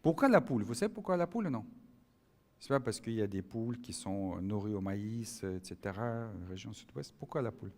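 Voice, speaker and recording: A man's voice: lowish voice, expressive, a little fast, darkish tone. A man giving a conference talk, chatty, with many asides and questions to the audience. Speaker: speaker at a conference.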